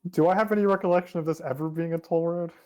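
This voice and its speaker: A man's voice: on the high side, fairly even intonation, very fast, a little mellow. A man playing a half-orc character in a tabletop game, arguing and joking with the game master. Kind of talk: tabletop role-play.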